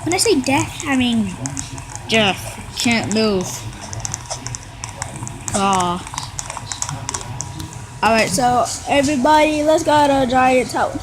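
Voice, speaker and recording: A higher-pitched woman talks through her game in a slow, drawn-out way, chatty and excitable, with bursts of trash talk. Steady background noise sits under her voice throughout the recording. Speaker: gamer. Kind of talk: live gameplay commentary.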